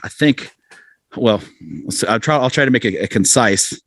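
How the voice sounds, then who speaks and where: This American rock musician in his forties, originally from the southern United States, chats casually as a podcast guest, rambling through self-deprecating stories. His medium-pitched voice moves at a normal speed with a fairly bright tone, captured in a dry recording.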